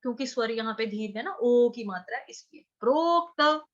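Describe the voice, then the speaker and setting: High bright lady teaching kids to chant sanskrit, repeats syllables slow, kinda dull lo-fi sound. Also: fairly even intonation. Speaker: Sanskrit recitation teacher for children. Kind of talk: online chanting lesson, explaining word by word.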